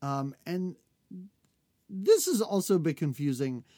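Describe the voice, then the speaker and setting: A woman co-hosting a podcast, recapping an episode in casual chat, animated, laughing often and acting out characters' lines. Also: low-pitched, measured pace, no room sound, clean studio sound. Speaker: podcast co-host.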